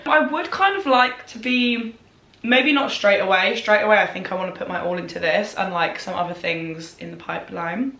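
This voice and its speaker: A woman's voice: medium pitch, fairly bright tone. A young woman in her early twenties chatting casually to viewers, rambling and self-deprecating, repeating words for emphasis. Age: early 20s. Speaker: vlogger answering viewer questions. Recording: echoey room.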